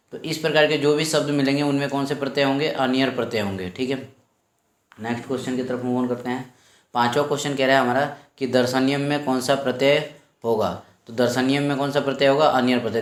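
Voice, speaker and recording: A male teacher going through exam questions step by step, saying each question aloud twice before he answers it. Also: mid-range voice. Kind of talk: exam-prep lesson. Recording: echoey room.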